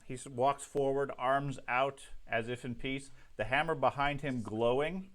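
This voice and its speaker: Calm male game master. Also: mid-range voice, a little slow. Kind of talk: running a tabletop game.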